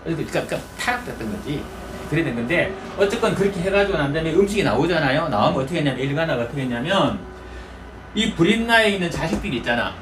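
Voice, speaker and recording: A man's voice: fairly high pitch, animated, quick pace, noisy background. A male pastor preaching in a folksy storytelling manner, often asking the congregation questions. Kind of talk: conversational sermon.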